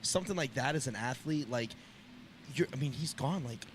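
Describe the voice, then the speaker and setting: A man hosting a casual sports chat podcast, animated and laughing as he talks. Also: medium pitch, normal speed, slight background noise. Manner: animated, laughs while talking. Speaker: podcast host.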